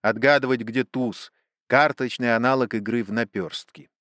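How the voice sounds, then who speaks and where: A man's voice: mid-range voice, steady tone, normal speed, a bit bright, no echo, studio quality. A man reading explanatory notes in a matter-of-fact manner. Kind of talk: explanatory narration.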